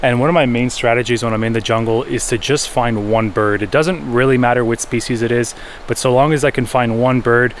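A man in his thirties talks quickly to his camera in an informal, enthusiastic way. His pitch is middling and he explains things like a wildlife photographer vlogging from the jungle. Faint outdoor noise sits behind his voice. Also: fairly even intonation. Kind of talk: explanatory vlog talk to camera. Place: outdoors in jungle, orchard and by a river.

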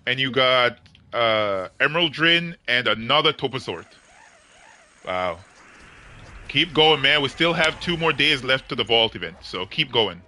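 A man's voice: mid-range voice, expressive, measured pace, sharp tone. A young man chatting casually with viewers on his game livestream, joking and laughing often in slangy talk.

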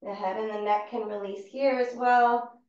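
A woman teaching a yoga class, calmly and steadily talking students through each movement. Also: fairly high pitch. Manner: calm, unhurried cueing of movements. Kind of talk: guided yoga class instruction. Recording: far-off, echoey, dull-sounding room recording.

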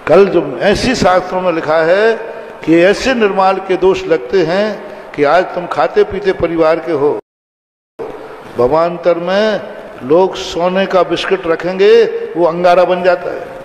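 A man's voice: sits high, a little slow, a little hiss or hum. A male preacher delivering a sermon to his followers, exhorting them and repeating phrases for emphasis. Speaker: religious preacher. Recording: echoey hall, faint ambience.

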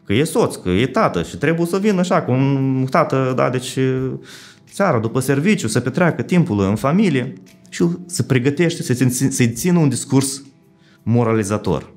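A man's voice: mid-range voice, very animated, a little mellow, soft background music. Man explaining as a psychologist. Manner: explains with worked examples, often checks in with "da?". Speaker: psychologist guest. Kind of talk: explanatory interview talk.

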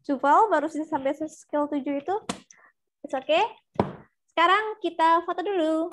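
A woman English teacher running an online class over a video call, explaining test answers in a brisk, encouraging way and calling out names. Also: extremely high pitch, noisy background.

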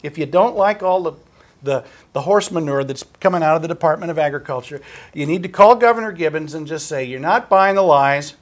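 A man speaking as a wild horse advocate in an on-air discussion, animated and urgent, often repeating phrases and restarting. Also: on the high side, a little fast.

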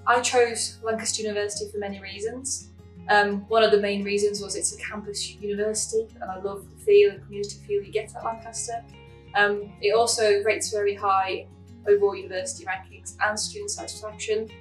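A young woman from the Czech Republic, a chemistry PhD student, explaining her research in an earnest, measured way with the odd um. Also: mid-range voice. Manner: earnest, measured, with occasional ums. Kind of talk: scripted explanation to camera. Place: chemistry lab, indoors. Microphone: camera at a distance. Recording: echoey lab room with distant mic, music behind.

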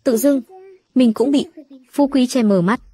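A woman's voice: high-pitched, unhurried, warm tone, slightly rough. A woman voicing a sly, sarcastic young heiress with wry, mocking asides in a dubbed film recap.

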